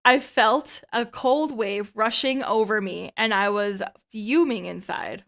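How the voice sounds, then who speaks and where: A woman with a slightly high voice, co-hosting a laid-back podcast. She reads listener stories aloud and weighs in with easygoing opinions, often letting her words drop off into a soft mutter. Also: slow. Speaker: podcast co-host. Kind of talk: casual chat and reading stories aloud.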